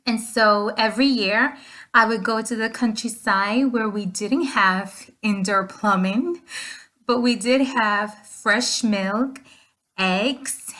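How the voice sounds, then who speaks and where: Woman from the Dominican Republic, mid-pitched, reads a prepared class talk with a few fillers. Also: fairly bright tone. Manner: reads from a script with short fillers. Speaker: student presenter.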